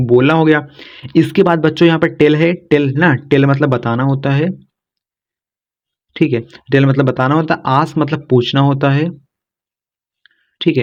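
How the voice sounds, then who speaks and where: A man teaching English vocabulary to learners, going word by word and repeating each one with a steady "okay". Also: medium pitch. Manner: repetitive, keeps saying "thik hai". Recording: slightly dull lo-fi sound.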